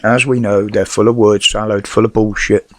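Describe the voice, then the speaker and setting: A man's voice: on the low side, level tone, normal speed, dry recording. A middle-aged British man with a whistle on his s sounds from false teeth, giving blunt, sweary, casual opinions on the news. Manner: blunt, sweary, rhetorical questions.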